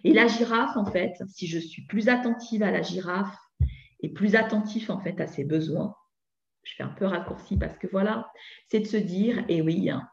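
A woman's voice: mid-range voice, moderate pace, creaky. A woman giving a public parenting talk on nonviolent communication, speaking conversationally with many fillers. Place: municipal conference hall. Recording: echoey hall, slightly dull sound.

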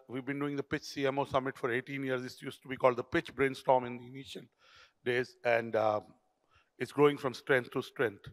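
A middle-aged man, hosting a conference session and putting emphatic, rhetorical questions to his guest on stage through a handheld mic. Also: mid-range voice. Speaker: conference host and interviewer. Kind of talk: onstage keynote conversation. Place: large conference hall stage. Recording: dry close mic with long hall reverb.

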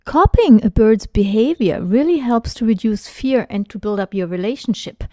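Dark-voiced woman narrating a training video. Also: fairly high pitch, expressive, normal speed, no echo, studio quality. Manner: chatty and enthusiastic, with small fillers. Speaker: parrot trainer. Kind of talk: instructional voice-over narration.

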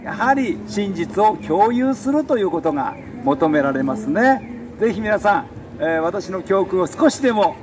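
A middle-aged man giving an emphatic, halting, colloquial street speech into a handheld microphone. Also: sits high, very animated. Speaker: defeated election candidate, street speaker. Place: outdoors beside a busy city road. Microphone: handheld microphone held close. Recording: noisy city street with traffic.

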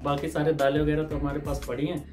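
A man in his thirties from India vlogs a grocery unboxing in an indoor room with a green screen and purple backdrop, soft music playing underneath. His fairly high voice moves at a quick pace, and his manner is chatty and animated, hands gesturing as he speaks.

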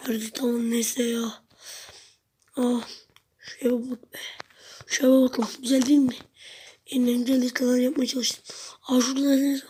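Brief: woman gameplay host, high and even-toned, chatty self-talk with sudden shouts, faint hiss and clicks behind. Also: normal speed, long pauses. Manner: chatty, talks to herself and viewers, sudden loud outbursts. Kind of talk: casual gameplay commentary.

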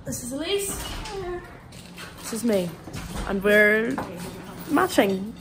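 A young Scottish woman vlogs her week into a phone, chatty and quick to giggle. Her voice sits a little high and swoops up and down a lot. A steady hiss from the phone mic runs under her talk. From Scotland. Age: young adult. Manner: giggly, chatty, talks straight to camera. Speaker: vlogger, university student. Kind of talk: casual vlog chat.

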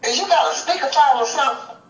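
A woman's voice: high-pitched, animated, fast talker, roomy sound, dull audio. Older woman scolding over a distant speakerphone. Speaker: grandmother on the phone. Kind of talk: phone call.

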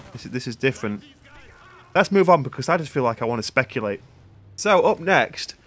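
Over the sound of video game gunfire and game noise, a British man plays a parody news anchor for a gaming channel, his commentary sarcastic and mock-serious. His voice is fairly bright and on the high side.

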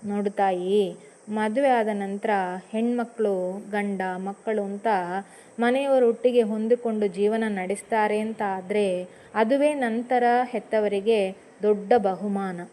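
Brief: kindly old father, voiced by a woman, calm and soft-spoken. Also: medium pitch, takes it slowly, close to an everyday voice. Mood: gentle. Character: gentle elderly father advising his daughter.

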